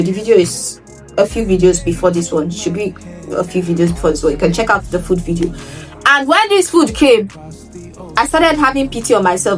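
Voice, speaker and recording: A young Nigerian woman with a Nigerian accent tells a travel story to camera in a casual, emphatic way, repeating phrases for effect. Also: mid-range voice. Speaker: travel vlogger. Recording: voice a little distant from the mic, soft music behind.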